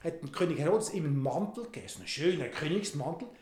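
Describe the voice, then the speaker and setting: An animated storyteller retells a Bible story with a lively, swinging pitch. The telling is dramatic, full of voiced characters. The room adds a noticeable echo. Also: fast. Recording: roomy echo.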